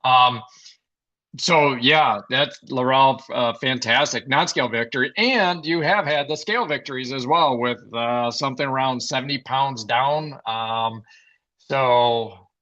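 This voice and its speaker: Bright-voiced male host on dull audio. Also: medium pitch, measured pace. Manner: relaxed, laughs easily, many fillers. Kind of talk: casual podcast chat.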